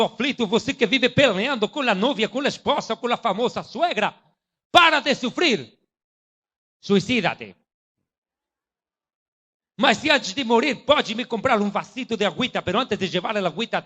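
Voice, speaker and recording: A man voicing a greedy, wheedling TV pastor, pitching a miracle cure. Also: animated, normal speed, bright, forceful tone, exaggerated voice. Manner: wheedling sales pitch, mixed Portuguese and Spanish.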